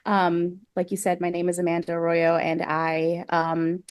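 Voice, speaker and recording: A young adult woman from Venezuela, a guest historian, talks casually in an interview with plenty of fillers and restarts. Her lowish voice is monotone, unhurried and clean, recorded at studio quality with no echo.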